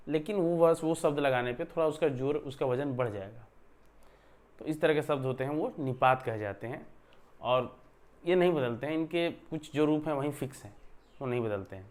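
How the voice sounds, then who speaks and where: A man teaching a grammar lesson in a conversational way, often checking in with his listeners and stressing words to show emphasis. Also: on the high side. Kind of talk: explanatory online lesson.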